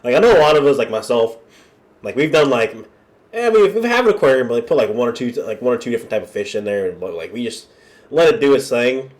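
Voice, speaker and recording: A man hosts a casual reaction video while under the weather, his nose stuffed and his voice nasal. His pitch swings in a lively way on the middle-to-high side. He talks colloquially and directly to his viewers. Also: quick pace. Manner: colloquial, chatty, addressing viewers as y'all. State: under the weather with a cold, wearing a nose strip.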